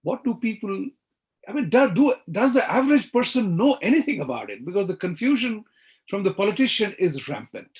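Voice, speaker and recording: A man with an Indian English accent hosting an interview talk show, asking emphatic, animated questions. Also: high-pitched, fairly quick.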